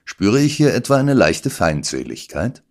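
A man reading an audiobook voices a calm, dryly ironic male detective who speaks with innocent-sounding irony. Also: fairly low pitch, a little slow, gravelly, pitched above the performer's own voice, full character voice. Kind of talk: audiobook character voice.

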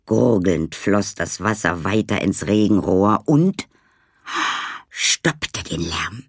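Deep, unhurried man narrating a story. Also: husky, no echo, clean studio sound. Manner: expressive, voices the characters.

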